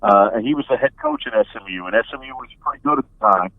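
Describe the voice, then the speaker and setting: Over a dry, slightly muffled, band-limited telephone line, a middle-aged man talks in a mid-pitched voice. He sounds like a radio sports announcer giving an interview, conversational and analytical, with a fast, sing-song delivery.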